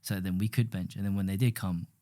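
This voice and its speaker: Co-host, man, 30s, low mellow voice, quick relaxed delivery, casual chat. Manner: quick, laid-back, peppered with "like" and "right". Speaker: podcast co-host.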